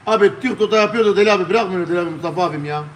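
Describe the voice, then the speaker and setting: High-pitched Turkish man calling a live auction. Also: very fast, a little hiss or hum. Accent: southeastern Turkish. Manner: repetitive auctioneer patter, constantly addressing bidders. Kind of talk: live auctioneer calling bids to online viewers.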